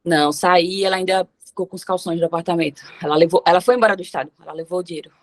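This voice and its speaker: Fast-talking woman giving testimony. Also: lowish voice. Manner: fast, emphatic, religious phrasing. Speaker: guest. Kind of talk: personal testimony in conversation.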